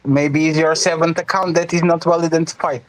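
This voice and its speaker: A man's voice: fairly high pitch, level tone, brisk, poor audio. A man hosting his own stream, talking casually and hammering points home by repeating them. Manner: emphatic, repeats himself. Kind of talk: casual online debate chat.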